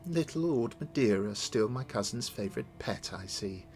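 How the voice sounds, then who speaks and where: A man's voice: medium pitch, expressive, normal speed, a little mellow, soft background music, lightly acted. A man voicing a proud, scornful captured villainess from a video game, with the threatening manner of a sputtering foiled villain. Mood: bitter, menacing. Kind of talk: dramatic read-aloud of video game dialogue.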